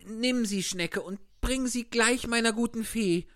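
A woman's voice: on the high side, unhurried, dry recording, studio quality, natural voice. A woman voicing an eager, impulsive wooden puppet boy in a storybook reading, asking questions in a rush. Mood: earnest. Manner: breathless, tumbling questions.

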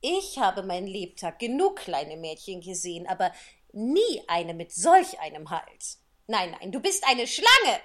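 A man voicing a fretful, shrill female pigeon guarding her eggs in a storybook reading. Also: wildly swooping pitch, measured pace, pushed and bright, full character voice. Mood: scornful. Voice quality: shrill, scolding.

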